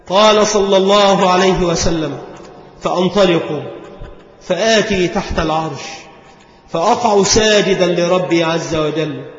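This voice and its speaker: A man teaching a religious lesson, narrating a hadith in an earnest preaching cadence. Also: high-pitched. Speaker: Islamic scholar teaching a creed text. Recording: echoey hall, dull lo-fi recording.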